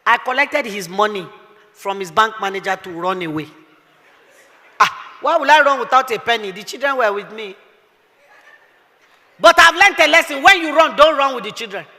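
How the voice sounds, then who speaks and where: A middle-aged woman pastor, preaching fervently with rhetorical questions and shouted bursts. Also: on the high side, lively intonation, normal speed, long pauses. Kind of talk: sermon. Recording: echoey hall.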